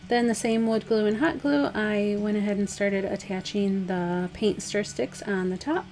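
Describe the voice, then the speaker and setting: Faint music plays behind this slightly hoarse woman as she narrates a casual DIY tutorial at normal speed and medium pitch. The craft vlogger keeps things relaxed and chatty, giving step-by-step instructions sprinkled with fillers.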